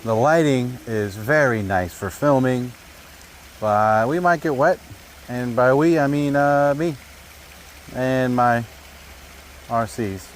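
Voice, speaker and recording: A man casually narrating a hobby vlog outdoors, recorded at a low sample rate on a neck-mounted camera without an external microphone. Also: takes it slowly, long pauses. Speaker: RC crawler hobbyist host. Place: outdoors on a trail. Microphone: camera on neck mount, no external mic. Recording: low-fidelity outdoor audio, faint background noise.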